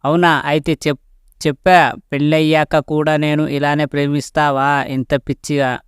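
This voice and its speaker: A man's voice: a little high, level tone, moderate pace, clear, resonant tone, no echo, studio quality, close to an everyday voice. A man voicing a teasing, affectionate young woman in a spoken love story, asking playful questions.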